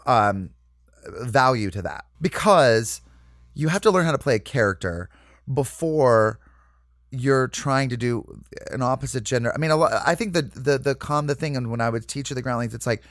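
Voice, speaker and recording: In a casual interview about his comedic acting, a mid-range-voiced man talks at a moderate pace, wandering through asides and fillers such as "you know" and "like." The audio is studio quality with no echo.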